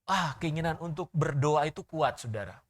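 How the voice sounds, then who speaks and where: A man preaching a sermon as pastor, swinging between loud bursts and soft asides and questioning the congregation directly. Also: fairly high pitch, expressive, normal speed.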